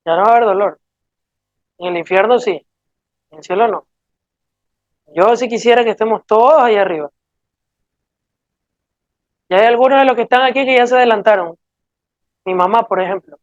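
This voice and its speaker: A woman preaches with a fairly high voice, earnest and pleading as she presses rhetorical questions on her listeners. The sound is dull and lo-fi. The room is dry, with no echo. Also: moderate pace, long pauses. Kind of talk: sermon.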